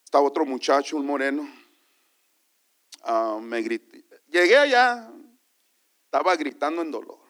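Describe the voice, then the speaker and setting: Pastor preaching, hushed to booming. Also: male voice, lively intonation, normal speed, pauses often. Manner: swings from hushed asides to loud exclamations; storytelling, calls the congregation brother. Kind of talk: sermon.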